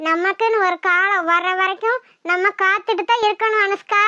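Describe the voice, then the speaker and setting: Scheming vengeful cartoon mother, proverb-quoting, very high squeaky voice, dry dull sound. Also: fairly even intonation, brisk, sharp tone, no echo. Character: scheming mother plotting revenge for her daughter.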